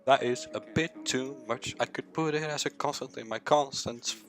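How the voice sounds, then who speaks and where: With soft background music, a young Dutch-accented man from the Netherlands speaks at normal speed in a medium, fairly bright voice. During his live coding stream he rambles, mutters to himself, hums filler sounds, chats with viewers and swears offhandedly.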